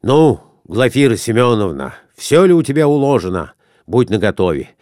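A man voicing a jittery middle-aged husband, fretful and hurried, pleading to get away fast. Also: mid-range voice, sing-song, darkish tone, no echo, studio quality, natural voice.

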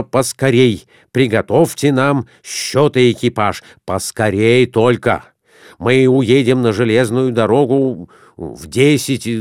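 A man voicing a jittery middle-aged husband, fretful and hurried, pleading to get away fast. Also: medium pitch, darkish tone, no room sound, clean studio sound, natural voice.

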